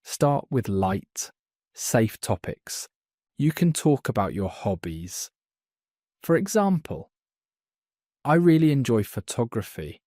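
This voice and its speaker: Slow, deliberate male English teacher. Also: medium pitch, sing-song, mellow, no room sound, clean studio sound. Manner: slow, clear delivery with model phrases for learners to repeat. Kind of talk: slow scripted language lesson.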